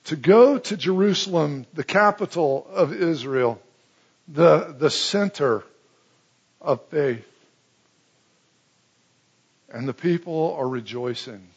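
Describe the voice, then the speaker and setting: A man preaching a sermon, telling stories with big swings between loud excitement and hushed, low tones. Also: slow pace, long pauses, husky, dull audio. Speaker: pastor.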